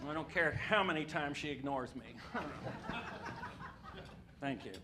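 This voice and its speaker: A man performing a stand-up comedy set on a club stage, dropping deadpan punchlines and talking to the crowd. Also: a little high, a little slow. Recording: live club recording with audible room noise. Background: audience laughter.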